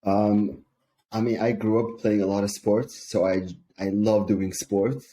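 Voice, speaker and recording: Low, mellow-voiced man from Syria. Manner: calm, measured, frequent ums. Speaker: sales coach. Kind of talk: interview guest.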